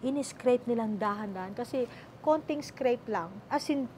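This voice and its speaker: Animated high-voiced Filipina storyteller. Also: female voice, measured pace, slight background noise. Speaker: interview guest. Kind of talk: emotional sit-down interview.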